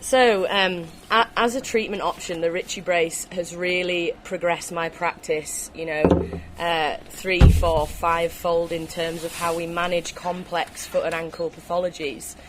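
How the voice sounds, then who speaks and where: Female interview guest, lowish voice, chatty explanatory answers, recorded out on a ski slope with faint noise. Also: fairly even intonation, a little slow, few pauses. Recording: noisy outdoor recording with ambient sound.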